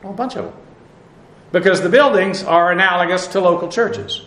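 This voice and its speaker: A pastor whose first language is English preaches an expository sermon, working through the text verse by verse. His voice is notably high and fairly bright, and he often pauses on fillers and restarts his phrases. The recording was made in a reverberant, echoey church hall.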